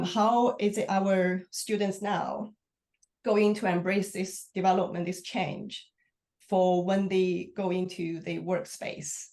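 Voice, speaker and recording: A woman speaking on an academic panel, a little hoarse after being ill, hesitant with many pauses and fillers. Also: medium pitch, dark tone. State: hoarse after recent illness. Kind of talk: panel discussion remarks.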